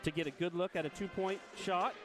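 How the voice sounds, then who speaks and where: Male color commentator, a bit high-pitched, talks fast, coaching tone. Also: steady tone, music in the background. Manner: explains strategy in a coaching tone. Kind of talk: live basketball commentary.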